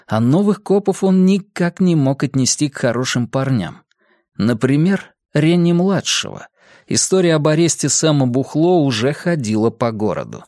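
A man narrating an audiobook with expressive storytelling. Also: fairly high pitch, moderate pace, no echo, studio quality. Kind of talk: scripted narration.

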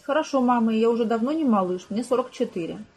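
A woman's voice: a little high, animated, fast talker, darkish tone, breathy edge. A woman reading an audiobook, voicing a weary middle-aged male detective who answers in a patient, dry way. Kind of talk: audiobook character voice.

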